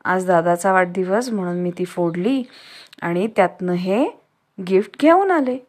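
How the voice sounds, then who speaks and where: A woman's voice: fairly low pitch, animated, measured pace, darkish tone. A woman doing a sweet sensible little girl. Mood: earnest.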